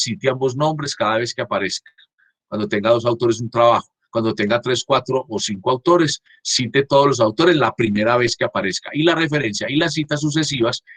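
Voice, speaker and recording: Husky man teaching online. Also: medium pitch, fairly bright tone, dry recording. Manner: halting, frequent restarts, checks understanding with "¿cierto?". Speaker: university teacher. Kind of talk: online class lecture. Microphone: computer mic on a video call.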